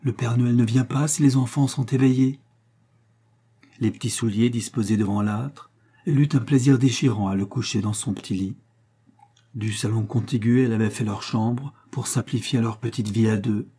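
Husky, mellow male storyteller. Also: mid-range voice, fairly even intonation, normal speed. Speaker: reader. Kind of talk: scripted narration of a literary tale.

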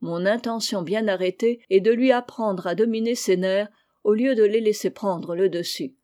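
A woman reading the lines of a calm, patient male doctor who teaches his niece, in an audiobook. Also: mid-range voice, moderate pace, close to an everyday voice. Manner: calm, didactic.

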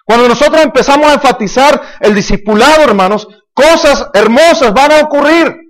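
Man, high voice, emphatic preacher, repeats words. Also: brisk, a bit bright. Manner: emphatic, repeats words, asks the congregation questions. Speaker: pastor. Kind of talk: sermon.

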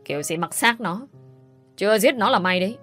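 A woman voicing a hot-tempered young husband who shouts rudely, with faint music behind. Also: medium pitch, expressive, brisk. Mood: scornful. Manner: shouting, rude.

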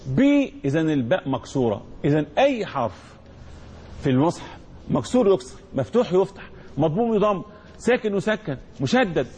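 Husky high-voiced Egyptian Quran teacher. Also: male voice, darkish tone. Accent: Egyptian Arabic. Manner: drawn-out demonstrative recitation, quizzing students. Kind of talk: tajweed lesson with call-and-response.

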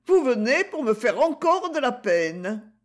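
A sad, stubborn fifteen-year-old girl, read by a woman. Her voice sits high above the reader's own, soft and plaintive, and the speech is lively but slow and hesitant. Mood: resolute.

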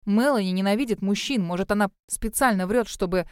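A woman putting on a gruff, sullen werewolf master. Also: fairly quick, no echo, studio quality, lightly acted. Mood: irritated. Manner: low, hushed and sullen.

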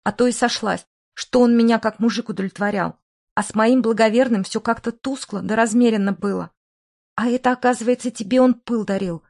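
A woman's voice: fairly even intonation, a little fast, vocal fry, darkish tone. A woman reading an audiobook, voicing a jealous, hysterical widow who shrieks, sneers and sobs at her rival. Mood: ranting. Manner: shrill, sneering, sobbing outbursts.

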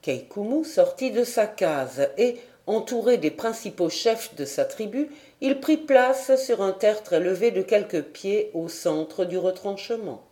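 A woman reading a classic adventure novel as an audiobook, with measured, even storytelling. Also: medium pitch. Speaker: audiobook reader.

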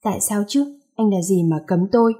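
A woman voicing a stubborn, proud young heroine with a husky, mellow voice in a read-aloud story. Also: mid-range voice, normal speed, lightly acted. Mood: defiant.

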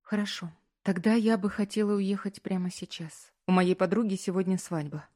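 A woman's voice: medium pitch, fairly even intonation, normal speed, mellow, natural voice. A woman reading an audiobook, voicing a hurt, defiant young woman who pleads through tears in a raised voice. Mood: resolute.

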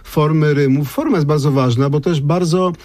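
A man's voice: on the high side, normal speed, darkish tone, no echo. A man, a lyricist and translator, talking thoughtfully on a radio show, often restarting his sentences. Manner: thoughtful, digressive, many restarts. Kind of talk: radio conversation.

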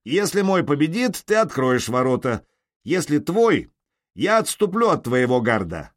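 A man voicing a greedy warlord who yells indignant challenges up at a fort in an audiobook. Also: on the high side, sing-song, unhurried, pitched above the performer's own voice. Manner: yelling, indignant, blustering.

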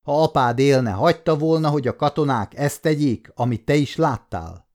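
A man's voice: medium pitch, darkish tone, pitched above the performer's own voice, lightly acted. A man doing a stern young soldier. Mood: questioning.

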